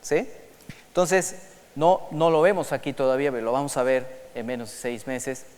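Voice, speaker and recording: A man speaking to a large auditorium through a microphone, his smooth, resonant voice carrying a long hall reverb. He lectures in an animated way, asking the crowd questions and switching into English to quote. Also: medium pitch, normal speed. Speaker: conference speaker. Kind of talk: lecture to an audience.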